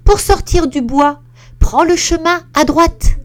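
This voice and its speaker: A woman voicing a tiny male bear cub in a read-aloud storybook, with a squeaky, shrill little voice. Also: slow. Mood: plaintive. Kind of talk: storybook reading.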